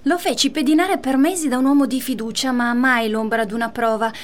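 A woman's voice: fairly high pitch, steady tone, a little fast, natural voice. A woman reading the part of a jealous, wounded wife in a radio play, earnest and aggrieved.

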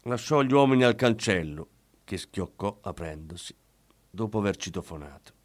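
A man reading a crime story aloud in measured, expressive scripted narration. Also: fairly low pitch. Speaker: audiobook narrator. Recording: faint background music.

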